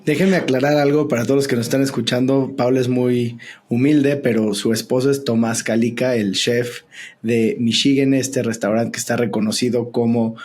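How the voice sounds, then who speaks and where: A man co-hosting a podcast, with a husky voice at a middle pitch. He talks casually and fills in background for the listeners. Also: steady tone, normal speed, darkish tone. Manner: friendly, explaining things to listeners. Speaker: podcast co-host.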